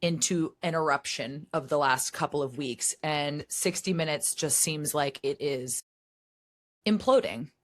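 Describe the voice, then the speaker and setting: A woman in her thirties co-hosts a podcast in easy, chatty conversation. Her voice sits low for a woman. The recording is close and dry, with almost no room sound. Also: unhurried, dry recording. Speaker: podcast co-host. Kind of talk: casual chat.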